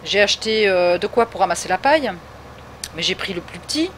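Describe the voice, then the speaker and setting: This Parisian streamer, a woman with a Paris French accent, keeps up chatty live game commentary, replying to viewers in chat and laughing often. She talks fairly quickly in an animated, mid-range voice over slight background noise.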